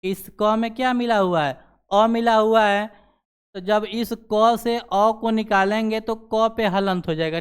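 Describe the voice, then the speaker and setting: A high-voiced man with a clean tone teaches grammar as if in a classroom, asking questions only to answer them on his own. Almost every sentence ends with a repeated "ठीक है" ("theek hai").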